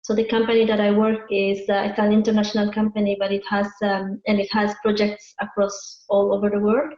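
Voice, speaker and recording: Eritrean-born woman speaking, flat tone. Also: medium pitch, brisk. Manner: hesitant, many fillers. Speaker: guest. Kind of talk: interview answers. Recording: echoey muffled video call.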